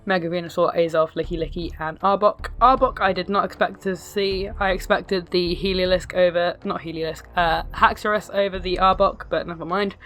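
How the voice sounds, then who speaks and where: A woman with a hoarse, sick-sounding smoker's rasp, giving casual, sarcastic, sweary game commentary. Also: fairly low pitch, steady tone, brisk, hardly any pauses, fairly bright tone. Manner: sarcastic, self-deprecating, sweary. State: ill, hoarse. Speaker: video host narrating own battle. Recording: music behind the voice. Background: music.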